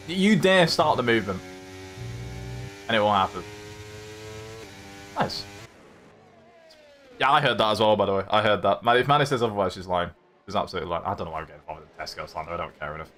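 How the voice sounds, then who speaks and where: A man's voice: medium pitch, a bit bright. Young guy streaming race commentary, jokey banter w chat, voice bouncing all over. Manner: chatty, jokey, teasing banter with viewers. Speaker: league host and commentator. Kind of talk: live-streamed racing commentary, chatting with chat.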